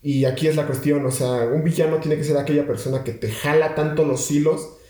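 A man's voice: a little high, steady tone, brisk, mellow, reverberant. A young man, chatting casually as a podcast co-host and rambling with many restarts and fillers. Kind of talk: casual chat.

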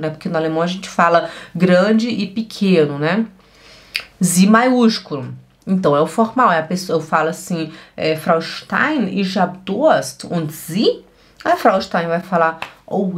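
A woman with a Brazilian Portuguese accent teaching German, saying phrases slowly and adding quick asides. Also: lowish voice. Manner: slow, drawn-out model phrases with quick asides. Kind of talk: online language lesson.

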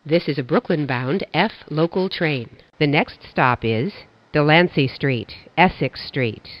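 A train announcer with an automated sound and a mid-range voice reads out subway stops and transfers in flat, measured phrasing. The audio is dull and lo-fi.

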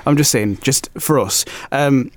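A man co-hosting a podcast in casual chat, playful and animated as he tells stories. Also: mid-range voice, unhurried. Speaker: podcast co-host.

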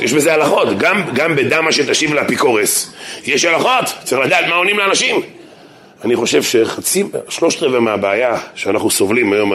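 A rabbi gives a humorous Torah lesson in a synagogue. He talks animatedly and cracks jokes, swinging between loud shouts and quiet asides.

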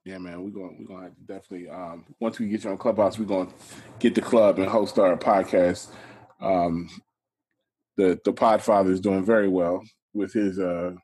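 A young adult man from Atlanta, co-hosting a podcast with relaxed, wry commentary. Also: low-pitched, normal speed, breathy edge. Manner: laid-back, wry asides. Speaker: podcast co-host. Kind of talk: casual chat.

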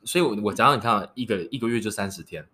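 A man's voice: fairly low pitch, very fast, sharp tone. A man in his twenties chatting casually and cheekily about relationships as a podcast guest. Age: 20s. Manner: joking, cheeky.

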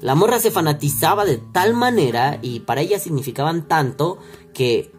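A man's voice: fairly high pitch, animated, normal speed, soft background music. A young Mexican man with a Mexican accent, telling a story in a crude, slang-filled, rambling vlog monologue. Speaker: vlogger.

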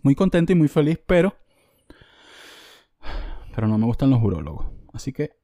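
A man with a Venezuelan accent hosting a podcast, telling a comic story in an animated, slangy, self-mocking way. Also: medium pitch, moderate pace, dry recording, clean studio sound. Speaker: podcast host.

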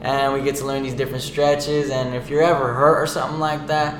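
A man's voice: medium pitch, little pitch movement, a little fast, crowd noise. A seventeen-year-old young man co-hosting a student podcast, explaining things in a casual, slangy way. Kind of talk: casual chat. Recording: echoey room with faint noise.

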